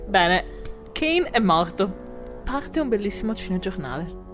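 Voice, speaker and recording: A woman's voice: mid-range voice, very animated, measured pace, music in the background. A woman co-hosting a casual film show, retelling a plot in a playful, conversational storytelling way. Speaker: podcast co-host.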